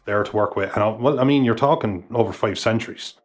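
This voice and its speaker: A man's voice: lowish voice, fast talker. A man from Ireland with an Irish accent, co-hosting a casual film podcast and rambling with repeated words as he thinks. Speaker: podcast co-host. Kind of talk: casual film review chat.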